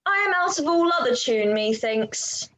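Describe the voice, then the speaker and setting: A sharp-tongued young noblewoman, read by a woman in an amateur online play reading. Her voice is slightly high, and her lines come out dry and witty. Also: animated, moderate pace, rough recording. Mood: wry. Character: witty young noblewoman Beatrice, feeling unwell.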